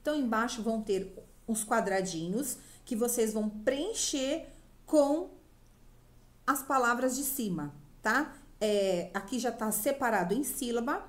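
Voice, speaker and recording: Patient woman teaching young children. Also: on the high side. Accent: Brazilian Portuguese. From Brazil. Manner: patient, explains slowly and checks in often. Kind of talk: remote class lesson for children.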